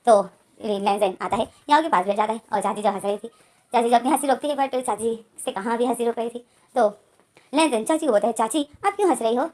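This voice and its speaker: A woman storyteller retelling a fan fiction in rapid, run-on narration that keeps circling back on itself. Her voice sits a bit high and races along. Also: a little mellow.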